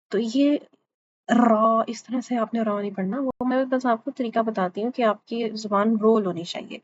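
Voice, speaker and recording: In an online class, a woman with a mid-range, somewhat dark voice teaches Quran pronunciation. She patiently repeats every letter sound for her students to copy. The lo-fi recording is slightly dull, with a faint hiss behind it.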